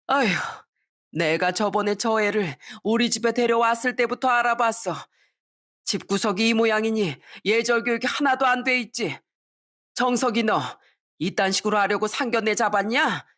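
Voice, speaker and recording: An older father in a fury, voiced by a woman, shouting down his son with a raised, heated voice. It is read as part of a storytelling recording. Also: on the high side, normal speed, voice pushed up, close to an everyday voice. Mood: angry scolding. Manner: shouting, scolding.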